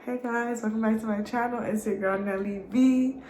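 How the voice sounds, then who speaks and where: A woman's voice: on the high side, steady tone, moderate pace, over loud music. Congested young woman, chatty, echoey room. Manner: chatty, slangy, addresses viewers directly. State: congested from allergies. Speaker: YouTube show reviewer. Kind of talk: casual chat.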